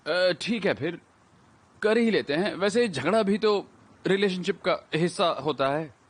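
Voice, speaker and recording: A lovesick, bookish young man talks in a fairly high voice for a man. His tone is earnest and pleading, clinging to every word he says to her. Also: expressive, measured pace. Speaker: dubbed drama lead. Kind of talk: dubbed drama dialogue.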